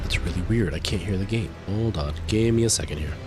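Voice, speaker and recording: Over music, a young man talks to his stream viewers in a low, brisk voice while playing a game. Congested and still coughing now and then, he rambles casually with plenty of filler words.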